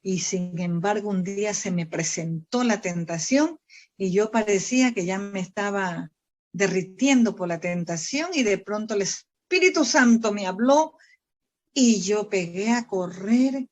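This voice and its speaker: A woman missionary telling a personal testimony during a church Bible study, swinging between loud, pleading bursts and hushed, tearful lows. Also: unhurried. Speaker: missionary preacher.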